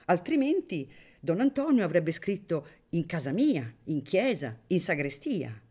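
A woman's voice: fairly low pitch, big pitch swings, measured pace, dark tone, breathy edge, pitched above the performer's own voice, exaggerated voice. A woman reading an audiobook, voicing a sly, pompous middle-aged male lawyer who declaims as if in court. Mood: declaiming.

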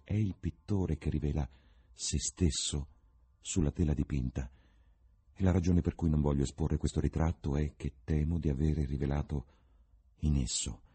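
A man's voice: a bass voice, dark tone, slightly rough, heavily acted. A man voicing an earnest, secretive young painter in a read-aloud novel.

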